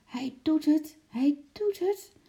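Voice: expressive, fairly quick, warm tone, lo-fi sound, natural voice. A narrator voicing a tearful little boy who sobs and stammers in a children's audiobook. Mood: excited. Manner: sobbing, stammering, high. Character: tearful little boy, anxious then excited. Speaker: storybook character.

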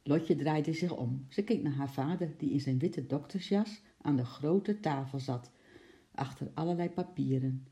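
Een verteller leest een kinderboek voor, levendig en expressief. De stem is heel donker, zacht en warm van klank. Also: mid-range voice, measured pace. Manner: lively, expressive reading. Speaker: narrator. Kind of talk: storybook reading.

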